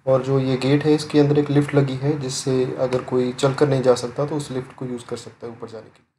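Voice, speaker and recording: A man's voice: mid-range voice, fairly quick, over music. A young man, a travel vlogger, casually narrating a tour as he shows places around a railway station and a temple. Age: young adult. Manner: relaxed, explains as he shows places. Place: outdoor railway station platform. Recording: outdoor ambience noise, passing vehicles.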